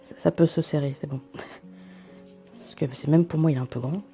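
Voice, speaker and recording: A woman's voice: sits low, fairly even intonation, a little fast, dark tone, faint music behind. A young woman vlogging an unboxing at home into a camera mic, chatty and rambling with self-mocking asides. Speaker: vlogger unboxing a subscription box. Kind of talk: casual unboxing chat.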